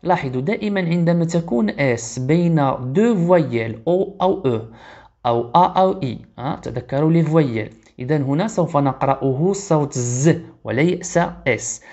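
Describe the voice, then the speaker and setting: A man with a Maghrebi Arabic accent teaching French reading and pronunciation, explaining in Arabic and saying each French word slowly twice. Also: fairly high pitch, lively intonation, mellow. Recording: slightly dull lo-fi sound.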